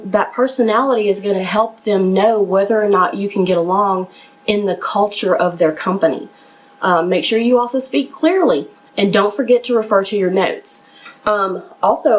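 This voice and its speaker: The recording is rough, but the mid-range voice belongs to a woman coaching listeners on interviews. A podcast host who writes resumes for a living, she speaks plainly and directly, encouraging them while seeming somewhat nervous.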